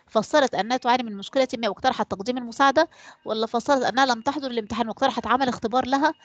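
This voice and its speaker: A woman's voice: fairly high pitch, dry recording, lo-fi sound. A woman teacher with an Egyptian accent running an online class, quizzing pupils by name and leaving blanks in her sentences for them to fill in. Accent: Egyptian Arabic. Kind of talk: online class quiz and explanation.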